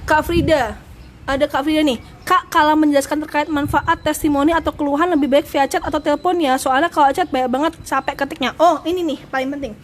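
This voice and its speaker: A young woman hosting a casual live stream, chatty and giggly, answering viewer questions and admitting she talks too fast. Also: high-pitched, fairly even intonation. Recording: noisy live stream audio.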